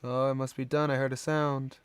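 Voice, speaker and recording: A young man chatting casually to his stream chat, jumping between excited outbursts and quiet mumbling. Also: mid-range voice, brisk, smooth.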